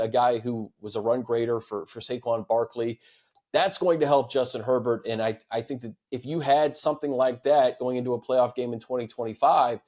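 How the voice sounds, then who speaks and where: An American man hosts a sports podcast, fielding fan questions in casual, conversational talk. His medium-pitched voice is a little mellow, and he often repeats words as he thinks aloud.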